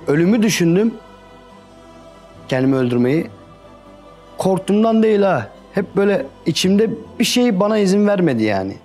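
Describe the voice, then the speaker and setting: A man's voice: fairly high pitch, a little mellow. A man giving an earnest personal testimony as an interview guest, often repeating "I said" as he tells it. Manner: earnest storytelling, repeats "I said" and addresses listener as "abi".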